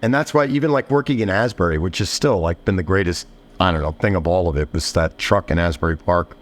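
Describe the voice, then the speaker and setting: A man's voice: low-pitched, fast talker. A man, a shop owner and podcast guest, chatting casually and animatedly, acting out the people he talks about. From New Jersey. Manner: animated storyteller, acts out customers in raised voices.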